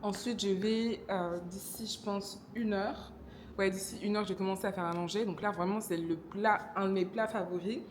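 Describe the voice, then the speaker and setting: A woman's voice: mid-range voice, steady tone, normal speed. Young Congolese woman, casual vlogger, chatty and self-correcting, light background hiss. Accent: Congolese French. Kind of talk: casual vlog narration.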